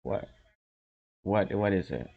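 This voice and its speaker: Young man, slow halting casual chat, lowish voice, dull lo-fi recording. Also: animated, gravelly. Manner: slow, hesitant, many ums and restarts. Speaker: podcast co-host. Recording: dull lo-fi sound.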